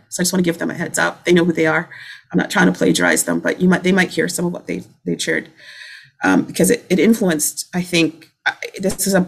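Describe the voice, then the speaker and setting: A woman with a hoarse, stuffy voice from a head cold, sharing a spiritual word in an earnest, apologetic, informal way. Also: on the low side. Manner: apologetic, earnest, many restarts. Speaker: speaker sharing a prophetic word. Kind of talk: informal church sharing over a broadcast.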